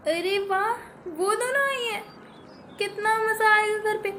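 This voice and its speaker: A woman playing a calm, teasing elder sister who coaxes and plots mischief in a homemade comic family sketch. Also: very high-pitched, a little slow, slight background noise, pitched below the performer's own voice, full character voice. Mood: amused. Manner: soft, amused, coaxing.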